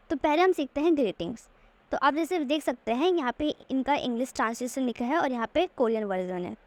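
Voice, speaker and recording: A woman teaches a language lesson over slides, with a high, bright-sitting voice. She explains patiently and says each word slowly, often twice, so it can be copied. The recording is close and dry, with no room sound. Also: no room sound. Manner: patient, repeats words slowly to model pronunciation.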